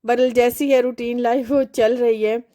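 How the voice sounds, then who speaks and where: A woman, chatting casually in a home vlog voice-over, unhurried and pausing often. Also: on the high side, steady tone, warm tone. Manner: chatty, unhurried, with frequent hesitations. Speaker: home cooking vlogger.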